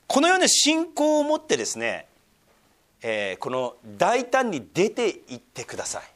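A man preaching a sermon, reading scripture aloud and then explaining it with lively asides. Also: high-pitched, moderate pace. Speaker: pastor.

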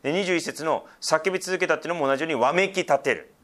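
A man's voice: fairly high pitch, fast talker, a bit bright. A middle-aged male pastor giving a sermon, explaining scripture with frequent asides and a conversational, teaching tone.

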